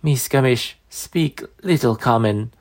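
A man voicing a wounded, dying old woman who pleads desperately in broken, raspy, gurgling speech with a foreign accent. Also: medium pitch, slow, voice pushed up. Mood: desperate pleading. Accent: foreign, broken common tongue.

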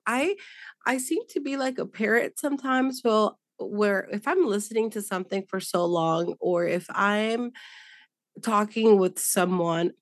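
Slow, chatty woman podcast host. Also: a little high, dry recording, studio quality. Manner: chatty, rambling with fillers and laughs. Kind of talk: casual chat.

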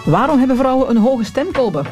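A woman with a Flemish accent, a voice coach guest explaining calmly in a radio studio. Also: high voice, brisk, over loud music. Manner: calm, explanatory, gently correcting.

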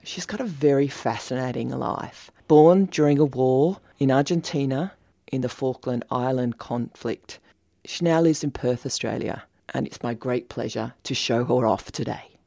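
Podcast host lady, low voice, dry close sound, keen and chatty. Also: moderate pace, creaky, mellow, dry recording. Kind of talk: podcast interview.

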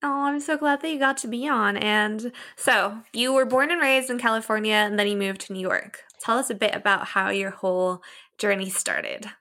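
A woman's voice: mid-range voice, fairly even intonation, normal speed, pushed and bright. A woman hosting a podcast, asking questions in an encouraging, reactive way. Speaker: podcast host. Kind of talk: casual interview.

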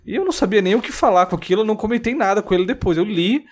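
A man's voice: sits high, expressive, rapid-fire. A man who chats in a wry, plainspoken way on a podcast. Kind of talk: casual podcast conversation.

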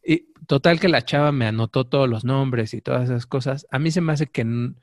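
A middle-aged Mexican man tells stories in a relaxed chat and slips into the people he quotes. His voice sits at a middle pitch. The sound is dry and close, with no room echo. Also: a little fast. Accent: Mexican Spanish. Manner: animated storyteller, acts out quoted voices. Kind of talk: casual chat.

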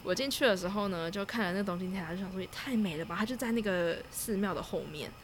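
A woman telling a personal travel story in a casual chat, laughing often and pausing to search for words. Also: mid-range voice, a little hiss or hum.

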